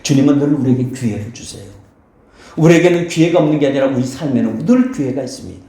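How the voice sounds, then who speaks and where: A man's voice: mid-range voice, big pitch swings, quick pace, mellow. A male pastor preaches in a church sanctuary, and his voice rises and falls widely as he goes. He keeps asking his listeners questions and answering them himself, and he turns to bless the congregation again and again. The sound rings through a very echoey church hall. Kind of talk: sermon.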